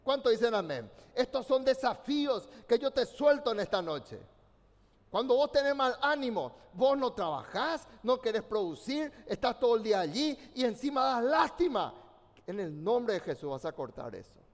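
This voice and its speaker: A man preaching a fervent sermon as a pastor, commanding the congregation to respond. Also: extremely high pitch. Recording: long reverb in a large hall.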